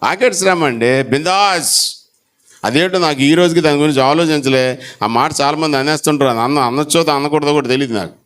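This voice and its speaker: A man preaching a sermon in church, calling out to the congregation and acting out conversations, his voice swinging from loud to low and soft. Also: a little fast, clear, resonant tone. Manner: animated preaching, with sudden drops to a low, soft voice; acts out dialogue and calls to the congregation. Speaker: pastor.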